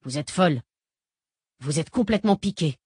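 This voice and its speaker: Woman narrator as cursing male lawyer captive, defiant, lowish dry read. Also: expressive, normal speed, darkish tone, slightly rough, dry recording, exaggerated voice. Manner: blustering, cursing. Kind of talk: audiobook character reading.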